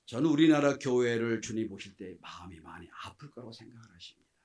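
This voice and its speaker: A middle-aged male pastor preaching a sermon with passion, acting out quoted speech and swinging between loud exclamations and near-whispers. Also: mid-range voice, animated, fast talker.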